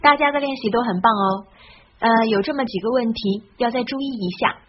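A woman hosting an English pronunciation lesson, speaking in a friendly, encouraging, scripted way and stretching out model words slowly. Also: a little high, highs cut off, a little hiss or hum.

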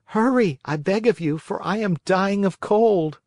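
A reader voicing an impatient young wooden puppet boy in a storybook, high and loud. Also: unhurried, no echo, close to an everyday voice. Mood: pleading. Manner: pleading, rising to rage. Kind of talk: storybook character voice.

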